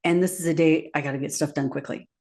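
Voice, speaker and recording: A woman's voice: deep voice, steady tone, quick pace, darkish tone. A woman hosting a podcast who tells a personal story and laughs as she acts out her own quotes. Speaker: podcast host.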